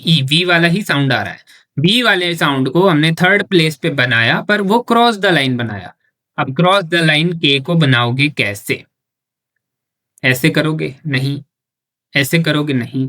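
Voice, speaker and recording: A man's voice: fairly high pitch, sharp tone. Male tutor, repetitive and patient, classroom explainer who answers his own questions. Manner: asks rhetorical questions and answers them himself; repeats each point patiently, often checking with "okay". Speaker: shorthand teacher.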